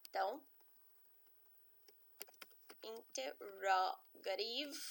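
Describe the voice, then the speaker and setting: A woman's voice: fairly high pitch, pushed and bright. A woman, teaching English grammar in an online lesson, explaining step by step and often checking in with her students. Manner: patient, step-by-step explaining with frequent check-ins.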